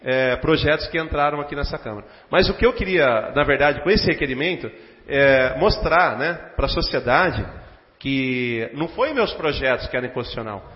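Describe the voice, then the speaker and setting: A man's voice: medium pitch, animated, moderate pace. A man with a Brazilian Portuguese accent, speaking as a city councilman in a formal debate, earnest and hesitant, full of fillers. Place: council chamber. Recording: dull lo-fi recording with long chamber reverb.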